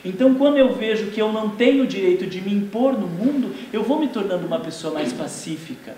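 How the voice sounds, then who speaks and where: High-voiced Brazilian man lecturing in an echoey room. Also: quick pace. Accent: Brazilian Portuguese. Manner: lively, acts out everyday scenes and quotes. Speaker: spiritist lecturer. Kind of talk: seminar talk. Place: indoor seminar room. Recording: very echoey room from far off, faint noise.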